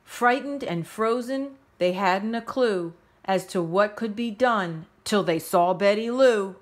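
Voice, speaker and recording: Here a storybook reader, a woman whose voice sits in the mid range, narrates a children's tale in rhyme. Her read-aloud delivery is expressive yet measured.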